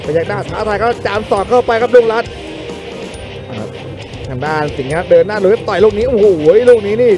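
A man delivers excited boxing commentary in a high-pitched voice. His calls are exclamatory and fired up, and clear music plays behind him. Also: brisk.

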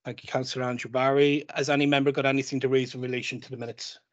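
A man's voice: mid-range voice, flat delivery, racing, muffled recording. A man chairing a council meeting as mayor. He reads out agenda items in turn and calls on members to speak, talking into a desk microphone in a large council chamber.

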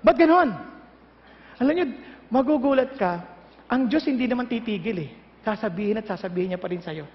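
A middle-aged man with a Filipino accent, preaching a lively sermon and acting out little dialogues. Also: sits high, a little fast, long pauses. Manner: animated, mixes Tagalog and English, acts out dialogues. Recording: dull echoey hall recording.

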